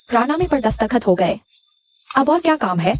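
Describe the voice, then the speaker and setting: A woman's voice: a little high, big pitch swings, normal speed, faint music behind. A woman voicing a commanding, formal eldest daughter of a wealthy family in a dubbed drama. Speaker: dub voice actor. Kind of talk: Hindi drama dubbing.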